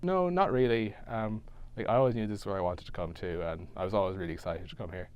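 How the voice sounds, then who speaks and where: A man's voice: fairly low pitch, fast talker, clean tone. A young man from Galway with a west of Ireland accent, answering interview questions casually as a student. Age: young adult.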